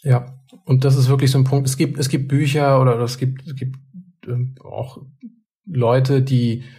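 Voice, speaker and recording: A man co-hosting a podcast and chatting casually and reflectively. His voice is gravelly and a little husky, with a dark, mellow tone. He often restarts and repeats words as he works through a thought. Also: medium pitch, flat delivery, measured pace. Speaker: podcast co-host.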